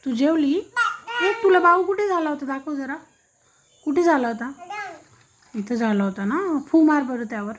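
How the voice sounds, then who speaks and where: A woman's voice: high voice, lively intonation, moderate pace, long pauses, slight background noise. A woman at home talking to a toddler in baby talk, coaxing her and repeating each prompt again and again. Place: indoors at home.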